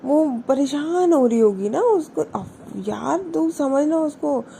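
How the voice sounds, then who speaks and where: A woman plays a caring young best friend who chides and soothes in turns. She lifts her voice higher than plain narration and keeps it coaxing. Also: animated, takes it slowly, creaky, warm tone, a little hiss or hum, exaggerated voice. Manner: coaxing, chiding. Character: caring young female friend trying to calm things.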